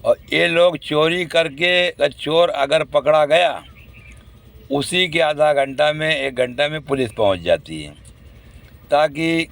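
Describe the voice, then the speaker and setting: Gravelly-voiced man venting indignantly. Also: a little high, fairly bright tone. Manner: indignant, complaining tone. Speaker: citizen speaking to the public. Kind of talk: casual spoken monologue.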